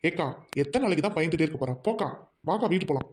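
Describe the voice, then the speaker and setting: A woman's voice: deep voice, animated, very fast, a little mellow, slightly rough. A woman playing an outspoken, bold young village mother with a rural Trichy Tamil accent, talking bluntly in a comedy skit.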